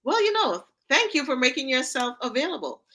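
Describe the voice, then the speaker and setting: Speaking fairly quickly with big swings in pitch, a middle-aged woman with a slight Trinidadian accent hosts an interview show from a room at home over video call. Her high voice sounds pushed and bright, and her manner is warm, upbeat and encouraging. She is a talk show host and mental fitness coach with Trinidad and Tobago roots.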